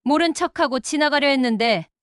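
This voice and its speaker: A woman narrating a dramatic family story in a steady scripted storytelling voice, reading every part herself. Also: sits high, a little fast, dry recording, clean studio sound. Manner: reads all parts in one steady voice.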